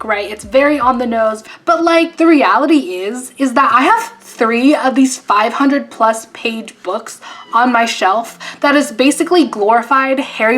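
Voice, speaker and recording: Chatty young woman, slightly hoarse. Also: fairly high pitch. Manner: chatty, filler-heavy, animated asides. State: losing her voice. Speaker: YouTuber. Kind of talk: casual chat.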